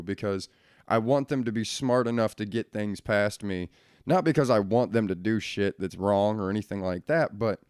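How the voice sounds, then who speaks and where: A man's voice: medium pitch, darkish tone, smooth, no echo, clean studio sound. Blunt, profane man ranting on his podcast. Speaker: podcast host. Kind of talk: casual solo podcast rant. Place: his bedroom at home.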